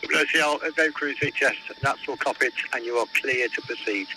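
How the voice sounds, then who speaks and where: A male port controller comes through a marine radio set, rattling off clipped, routine calls at a quick clip. His tone is bright and sharp, cutting through a faint hiss behind him. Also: mid-range voice, rough recording. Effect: heard over marine VHF radio. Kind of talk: marine radio procedure talk.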